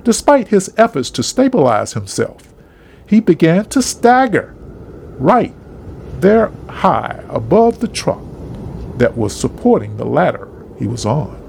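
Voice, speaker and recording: Expressive man narrating a story. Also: on the high side, measured pace, creaky, slight background noise. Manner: expressive, dramatic reading.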